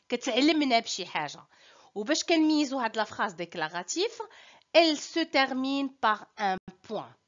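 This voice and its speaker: Moroccan woman, French teacher, high lively voice, dull lo-fi audio. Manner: switches between French and Moroccan Arabic, slow deliberate stress on key terms. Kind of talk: language lesson.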